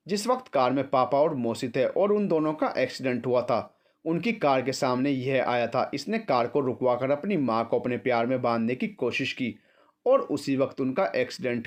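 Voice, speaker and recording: A man voicing an angry young man who shouts accusations at his enemy in a storybook tale. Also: medium pitch, natural voice.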